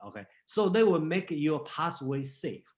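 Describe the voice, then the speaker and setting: This discussion leader, a Taiwanese man, speaks on the high side with big pitch swings and a measured pace. He keeps the group talk casual, repeating words and dropping in "okay" as he thinks.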